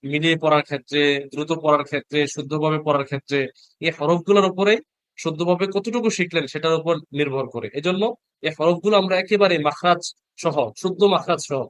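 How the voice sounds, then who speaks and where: Over a video call, a man teaches an online Quran reading class, patiently sounding out each Arabic letter and repeating it for his learners. His voice is on the high side and smooth, and the recording is dry.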